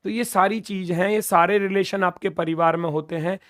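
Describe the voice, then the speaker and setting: High, smooth-voiced male teacher. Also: steady tone, moderate pace, a bit bright, dry recording, studio quality. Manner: explains patiently, repeats key terms, asks students questions; addresses viewers as brother, jokes casually. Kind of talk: classroom-style exam prep lesson.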